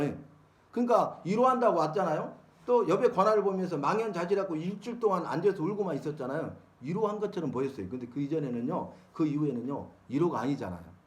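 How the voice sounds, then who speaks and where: A man's voice: on the high side, darkish tone. A middle-aged man preaching a sermon-style Bible lesson, asking the congregation rhetorical questions. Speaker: pastor.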